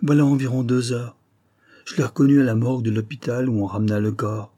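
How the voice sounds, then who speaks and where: A man doing a hushed, grim young husband. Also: mid-range voice, steady tone, brisk, close to an everyday voice. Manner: quiet, subdued. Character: grim young husband bearing bad news.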